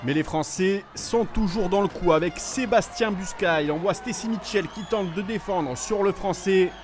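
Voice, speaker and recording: A man giving excited sports commentary, calling the play as it happens with urgency on each attack. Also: high voice, moderate pace, faint music behind, some chatter behind.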